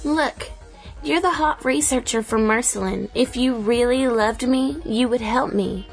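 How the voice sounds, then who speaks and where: A woman's voice: on the high side, a little slow, vocal fry. A woman in her twenties playing a vain young wife who pleads and pouts about her looks, with faint music underneath. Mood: insistent. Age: 20s. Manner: pleading, pouty. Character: vain young wife fretting over wrinkles.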